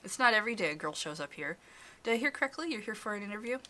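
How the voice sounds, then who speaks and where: A woman's voice: mid-range voice, animated, very fast, bright, forceful tone, pitched above the performer's own voice. A woman voicing a stern older woman who harshly scolds a kneeling girl. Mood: scolding. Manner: condescending, harsh and demanding.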